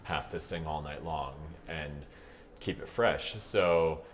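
A man with an extremely low, deep speaking voice talks through his path as an opera singer in a loose, meandering way, full of "like" and quick laughs. A faint hum of noise sits behind him. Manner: relaxed, rambling, with frequent "like" and laughs. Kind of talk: casual interview chat.

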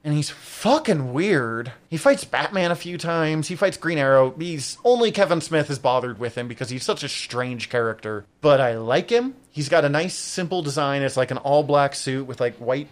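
A man's voice: fairly high pitch, animated, moderate pace, hardly any pauses. A man co-hosting a podcast, rambling through his thoughts, swearing often and laughing a lot. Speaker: podcast co-host. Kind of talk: casual chat.

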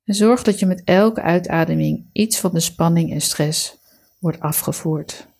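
A female meditation guide speaks in a lower register with noticeable vocal fry. She gives relaxation instructions in a measured, calm and soothing manner.

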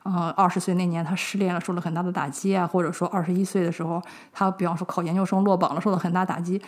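A woman's voice: lowish voice, quick pace. A young adult woman from China, hosting a podcast and chatting through a personal story, acting out remembered conversations. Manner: chatty, fillers and animated retold dialogue. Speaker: podcast host.

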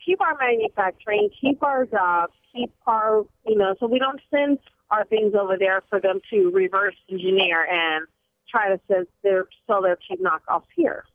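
Woman radio caller, phone line, fairly high voice, dry and close, halting, restarts her sentences. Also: dry recording. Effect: heard over a phone line. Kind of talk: call-in chat with a host.

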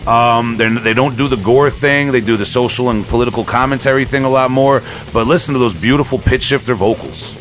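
With music behind him, a man hosts a laid-back music podcast, rambling along as an eager fan. He talks fairly quickly at medium pitch with a fairly bright tone, hardly pausing at all.

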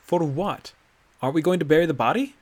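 A man's voice: fairly high pitch, lively intonation, brisk, darkish tone, pitched above the performer's own voice, lightly acted. Man voicing an earnest young hunter. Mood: questioning. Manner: questioning, earnest. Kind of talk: audiobook character voice.

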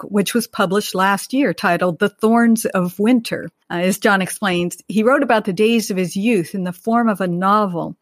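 A woman leads a podcast interview as co-host, reading out prepared introductions and questions. Her pitch is medium and the sound is dry, with hardly any room in it. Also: dry recording.

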